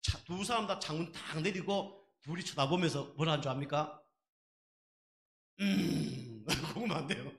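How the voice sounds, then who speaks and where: A man's voice: fairly high pitch, fairly bright tone. A male pastor preaching a sermon in a conversational way, asking his congregation rhetorical questions. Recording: echoey church sanctuary.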